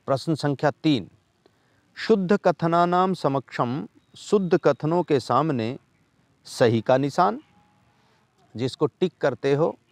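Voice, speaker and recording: Man, teacher, patient explainer, gravelly, slightly high voice. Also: no echo. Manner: reads a line, then translates it slowly and patiently. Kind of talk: classroom lesson explaining a textbook chapter.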